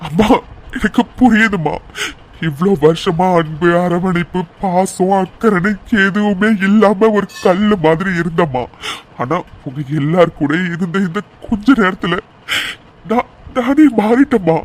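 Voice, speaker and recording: A man's voice: sits high, unhurried. A man voicing a young man in a cartoon who earnestly apologizes for his bitterness. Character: remorseful young man, once bitter and lonely. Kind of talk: cartoon voice acting.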